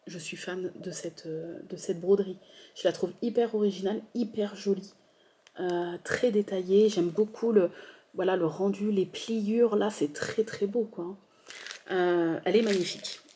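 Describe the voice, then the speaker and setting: A woman's voice: mid-range voice, fairly even intonation, unhurried, mellow. Chatty, enthusiastic woman vlogger. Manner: chatty and enthusiastic, many fillers and restarts. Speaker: embroidery vlogger. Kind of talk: casual show-and-tell vlog.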